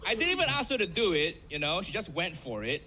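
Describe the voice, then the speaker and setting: A young man from Malaysia with a Malaysian English accent, doing a stand-up comedy set over a video call, telling stories deadpan and laughing at his own jokes. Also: high voice, fast talker, loud music behind the voice, rough recording.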